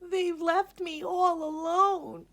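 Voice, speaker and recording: Lonely storybook lady spider, performed by a woman: high-pitched, polite, yearning, plaintive. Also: steady tone, slow pace, fairly bright tone, heavily acted. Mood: sad, tearful. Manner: pleading, plaintive.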